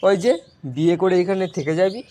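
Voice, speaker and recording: A man voicing a nosy old village grandfather who slowly prods his grandson with questions, heard from a little off-mic. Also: high voice, animated, dark tone, pitched above the performer's own voice. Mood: teasing.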